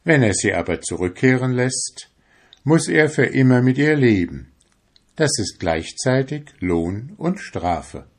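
A man reading a fairy tale aloud in scripted storybook narration, slow and measured. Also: medium pitch, big pitch swings, breathy edge.

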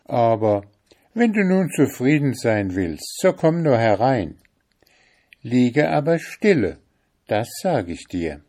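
A man's voice: medium pitch, sing-song, slow, a little mellow, voice pushed up, exaggerated voice. A man voicing a spirited, kind young girl in a storybook reading, raising his voice into an exasperated, pleading tone. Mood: relenting.

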